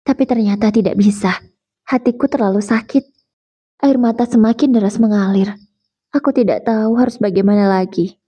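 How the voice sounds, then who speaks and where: A woman narrating an emotional first-person story calmly. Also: mid-range voice, slightly rough, lo-fi sound.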